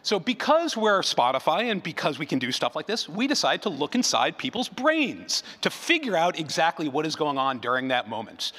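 In a big echoing room, a man delivers a conference talk on advertising research at a moderate pace with hardly any pauses. His fairly high, sharp voice swoops wildly in pitch, and his casual style keeps circling back over the same phrases.

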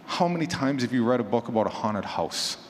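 Here a horror fiction podcaster sits on a convention panel, talking fairly quickly with a medium-pitched voice and lively intonation. His casual talk to the audience is conversational and encouraging. Echo fills the big indoor hall, and background noise comes through clearly.

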